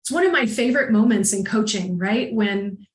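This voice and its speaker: A woman coach as a podcast guest, telling personal stories in a chatty, animated way and laughing often. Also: mid-range voice, moderate pace. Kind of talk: casual conversation, personal storytelling. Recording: echoey room.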